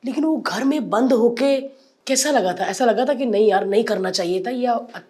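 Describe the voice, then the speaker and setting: Woman host, Punjabi-tinged Hindi, chatty interview, a bit high-pitched. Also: normal speed, a little mellow. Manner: chatty, eager questioner. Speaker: podcast host. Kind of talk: casual interview chat.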